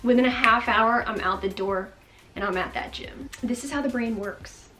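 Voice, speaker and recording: A woman in her twenties giving upbeat fitness tips to camera in a bright bedroom, chatty and coaxing, often checking in with "okay?". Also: a little high, normal speed, faint music behind. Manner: energetic, chatty, coaxing with frequent "okay?" and big hand gestures. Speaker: fitness vlogger. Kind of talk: upbeat motivational talk to camera.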